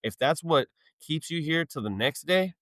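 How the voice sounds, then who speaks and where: A man's voice: a little high, lively intonation, moderate pace, a bit bright, no room sound, clean studio sound. A man being interviewed on a podcast, talking openly and earnestly in a casual, slangy way. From Arizona. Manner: open, earnest, vulnerable, uses slang like "dope" and "yo". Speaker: storm chaser guest.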